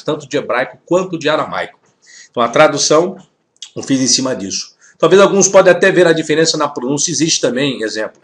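A Brazilian man teaches a theology lesson to camera, reading out Aramaic terms slowly and carefully. His pitch moves a lot as he explains, and he keeps checking in with his viewers, calling them "senhores". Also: a bit bright. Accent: Brazilian Portuguese. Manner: addresses viewers formally as "senhores". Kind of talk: spoken video lesson on Aramaic texts.

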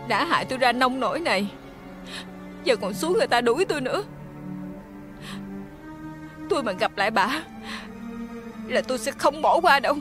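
Young southern vietnamese maid, scalded and weepy, high voice, begging, folk-tale tv drama. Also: female voice, expressive, moderate pace, long pauses, over music. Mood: bitter. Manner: tearful pleading, breaks into sobs. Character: young maidservant, scalded face, wronged and desperate. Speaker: maidservant.

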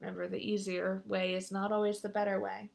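A woman reads a children's story aloud in a live session, with a voice at an ordinary middle pitch. She often steps out of the story to chat with her young listeners and explain what is happening. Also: level tone, brisk, vocal fry, a little mellow. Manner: chatty asides to young listeners.

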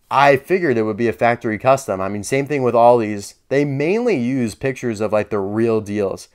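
Guy rambling through a toy haul, clear smooth voice, kinda sarcastic and blunt. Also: mid-range voice. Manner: chatty, candid, dryly sarcastic. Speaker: toy collector reviewing a haul. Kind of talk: casual unboxing commentary.

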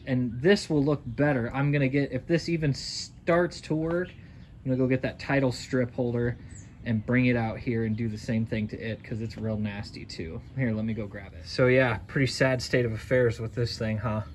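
A man's voice: mid-range voice, steady tone, normal speed, darkish tone, a little hiss or hum. Folksy man narrating a workshop restoration. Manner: folksy, rambling, thinking aloud. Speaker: restoration video host. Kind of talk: casual how-to narration while working. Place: outdoors in a driveway and a garage workshop.

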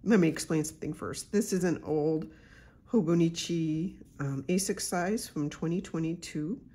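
A YouTube channel host with a deep, husky voice speaks at a moderate pace while unboxing a pen at her desk at home. She has a cold and sounds congested, keeping things casual and unhurried with quiet asides.

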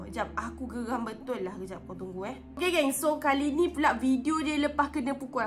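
A young woman with a Malaysian Malay accent reacts to viral clips in a high, bright-pitched voice. Her talk is animated and indignant, swinging between loud outbursts and muttered asides. She records on a phone, with faint music behind her. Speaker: YouTuber reacting to viral videos. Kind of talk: reaction commentary.

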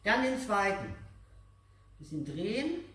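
Recorded far off by a camera microphone in an echoey hall, a middle-aged aikido instructor speaks slowly in a high-pitched, bright, pushed voice with big pitch swings. Indoors on the mats of a large dojo, he patiently coaches a child and viewers through exercises step by step, repeating simple, encouraging phrases.

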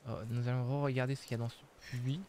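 A man's voice: mid-range voice, level tone, fast, a little mellow, a little hiss or hum. A man casually commenting on his survival game as he plays, thinking aloud with many hesitations. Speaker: streamer playing a survival game.

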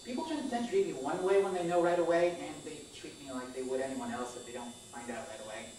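On a small theater stage, a woman in her thirties reads out a scripted personal story in a low, dark voice at a quick pace. The recording comes from a far camera mic, so it sounds echoey and distant, with faint noise.

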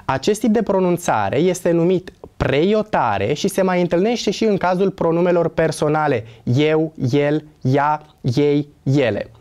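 A man giving a scripted language lesson on pronunciation, slowly contrasting correct and wrong forms in a clear, explanatory teacher's delivery. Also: on the high side, a little mellow. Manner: slow, deliberate contrasting of right and wrong pronunciations.

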